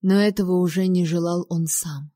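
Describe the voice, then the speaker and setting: A woman reading a first-person story aloud in steady, emotive narration. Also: fairly low pitch, moderate pace, no room sound, studio quality. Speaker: audiobook narrator.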